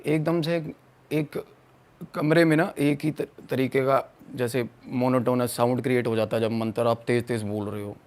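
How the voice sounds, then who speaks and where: A man's voice: mid-range voice, moderate pace. A young man from Punjab telling a spooky story in casual podcast talk, acting out his friends' lines and mixing in English and Punjabi. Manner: animated, acts out quoted friends, mixes in English and Punjabi. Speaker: guest storyteller.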